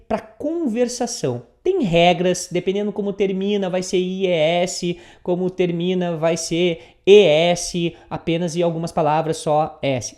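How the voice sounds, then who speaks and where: A woman with a Brazilian accent teaching a beginner English lesson, drilling example phrases slowly and checking in with the learner often. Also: fairly low pitch, dark tone. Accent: Brazilian Portuguese.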